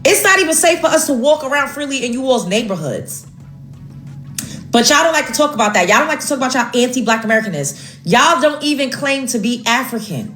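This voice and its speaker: This American social media commentator speaks fairly high and a little fast, with lively intonation and a slightly bright tone, in a roomy space with faint music behind her. Her casual commentary is emphatic as she lists one grievance after another, full of fillers and restarts.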